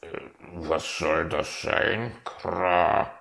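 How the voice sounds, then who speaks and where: A man voicing a helpful male raven craftsman in a storybook tale, brisk and croaking. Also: on the low side, animated, fairly bright tone, exaggerated voice.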